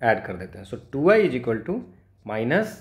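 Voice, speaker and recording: Speaking slowly in a mid-range voice with big swings in pitch, an Indian-accented man tutors maths. His exam lesson breaks worked solutions into steps, with repeated phrases and quick tag questions to confirm understanding, all in an echoey room.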